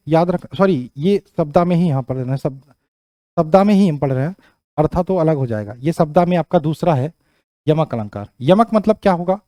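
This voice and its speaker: A man teaching an exam-prep grammar lesson, repeating key phrases and checking with the class whether it is clear. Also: no room sound, clean studio sound. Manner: rises in pitch and loudness when explaining examples.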